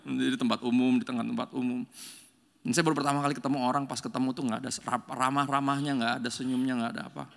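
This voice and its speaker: A man's voice: mid-range voice, little pitch movement, racing, vocal fry. A male pastor preaching a sermon in a joking, slangy style and acting out quotes as he tells stories.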